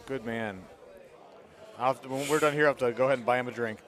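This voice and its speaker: A man commentates live on a golf tournament in a casual, conversational way. His voice sits at a middle pitch. He keeps it low-key, remarking on each shot and player as play goes on. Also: steady tone, fast talker, a bit bright.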